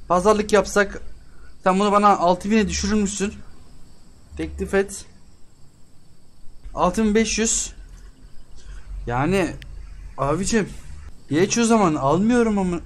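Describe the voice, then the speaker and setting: High-voiced man doing game commentary. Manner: haggles aloud with game characters, quick exasperated outbursts. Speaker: gaming channel host. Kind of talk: let's-play commentary.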